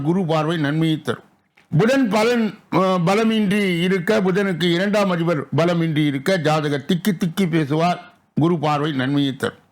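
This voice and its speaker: A male astrologer, reading out astrology rules in slow, deliberate, evenly spaced phrases. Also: high voice. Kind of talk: reading daily astrology segments.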